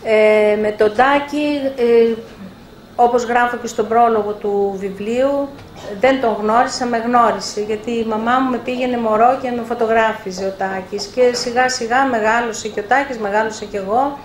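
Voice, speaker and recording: Older woman publisher telling stories. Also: fairly high pitch. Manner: animated anecdotes with acted-out dialogue. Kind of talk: storytelling in a live interview. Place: bookshop event room. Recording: echoey room, faint background noise.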